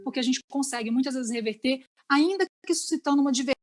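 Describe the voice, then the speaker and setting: Speaking fast in a slightly mellow voice that sits high, a Brazilian woman lectures lawyers online. She walks through the material step by step and often checks in with her listeners on the video call.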